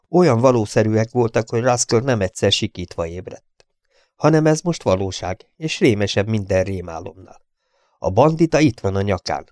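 A man narrating an audiobook in a measured, dramatic way, voicing each character. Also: lowish voice, darkish tone, no echo, clean studio sound.

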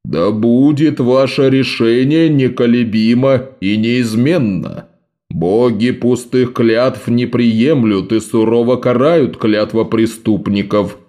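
A man voicing a solemn male high priest who speaks slowly in a ceremonial tone. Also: dark tone, lightly acted. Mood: solemn warning. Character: grave middle-aged male high priest of a thieves' god.

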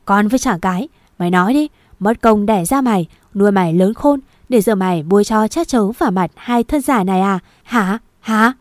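A woman voicing a harsh, angry father who shouts and threatens his daughter in a storybook reading. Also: medium pitch, brisk, few pauses, no echo, clean studio sound, natural voice. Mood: furious. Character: harsh angry village father, middle-aged man.

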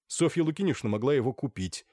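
A man voicing a shrewd, calm doctor who asks probing questions. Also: mid-range voice, quick pace, no room sound, studio quality, pitched above the performer's own voice, close to an everyday voice.

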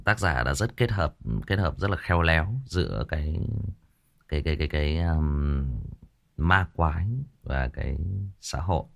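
A bass voice with vocal fry, moving at a moderate pace, comes from a man in Vietnam who hosts a story channel and narrates audiobooks. Talking casually to viewers during a livestream, he rambles about a story and repeats words often as he reaches for the next one.

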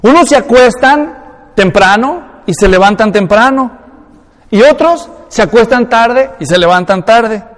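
A man, a Mexican pastor with a Mexican Spanish accent, preaching an expository sermon and acting out everyday examples in an animated way. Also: a little slow, in a large hall. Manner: animated, acts out everyday examples with rising pitch.

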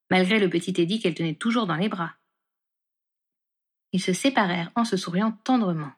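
A woman reading a story aloud in an even, measured storybook narration. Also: mid-range voice, husky. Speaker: reader.

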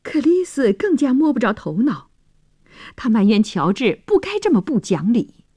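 A woman narrates a story for radio with dramatic, expressive delivery and wide, animated swings in pitch. Her voice sits a bit high and carries a slightly husky grain. It is recorded dry and close in a studio. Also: moderate pace, no echo.

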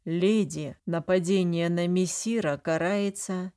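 A woman voicing a cold, sardonic male duke who gives clipped orders in a low voice. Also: steady tone, takes it slowly, dark tone. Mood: curt.

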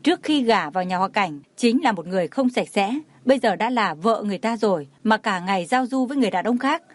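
A woman's voice: mid-range voice, expressive, fast talker, no room sound, lightly acted. A woman reading the lines of a spiteful, mocking young rich woman in a story. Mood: angry. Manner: taunting, scornful.

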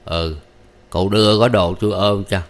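Young injured husband, Southern Vietnamese accent, blunt and resigned, read by a male narrator, low voice. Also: steady tone, normal speed, close to an everyday voice. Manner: blunt, rustic, half-joking.

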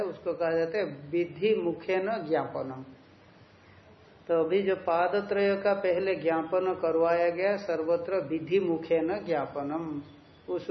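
A man with a fairly high voice delivers a scriptural commentary lecture, posing questions and answering them with simple examples. The sound is echoey and a bit dull and lo-fi, as if taped in a bare hall. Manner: reads and corrects a text line by line with students. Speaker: spiritual teacher. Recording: echoey, dull lo-fi room recording.

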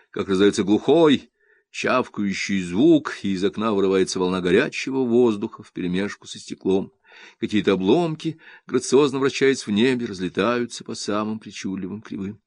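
A man reading an audiobook in a lively, theatrical manner. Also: lowish voice, moderate pace, no echo, clean studio sound. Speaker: audiobook reader. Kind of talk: expressive audiobook narration.

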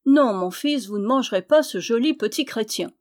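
A woman's voice: a little high, expressive, moderate pace, darkish tone, natural voice. A woman reading aloud, voicing an ancient giantess who is mother of the winds, stern yet kindly and firm in tone.

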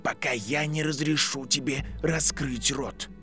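A man voicing a boy who poses as a cold, harsh dark lord with a sharp, icy voice. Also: mid-range voice, measured pace, soft background music. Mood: icy command.

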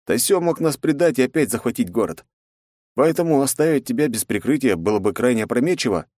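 A man voicing a calm, teasing young male hero in an audiobook, with a wry delivery. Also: mid-range voice, fairly quick, no room sound, clean studio sound, voice pushed up, lightly acted. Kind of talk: audiobook dialogue.

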